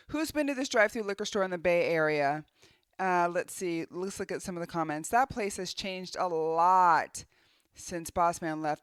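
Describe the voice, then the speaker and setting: A woman's voice: lowish voice, a bit bright, clean tone, no room sound, studio quality. A woman in her forties hosting a reaction video, chatting candidly and directly to her viewers. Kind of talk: casual reaction commentary.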